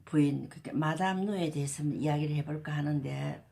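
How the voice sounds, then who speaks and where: A woman with a low, gravelly, dark-toned voice speaks briskly as a channel host telling a history story. The talk is casual and rambling, with many fillers and restarts.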